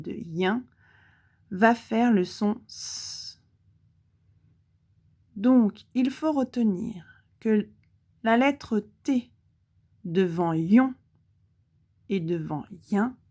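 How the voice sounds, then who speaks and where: A woman teaching a lesson for young children with a French accent, speaking clearly and pausing to let the child answer. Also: mid-range voice, a little mellow. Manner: slow, clearly articulated, pauses for the child to answer. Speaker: primary school teacher.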